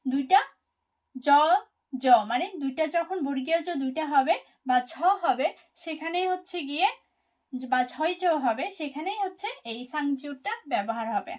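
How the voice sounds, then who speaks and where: A woman giving an online language lesson, explaining each letter and repeating example words slowly and deliberately. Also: high-pitched, darkish tone. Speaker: language teacher.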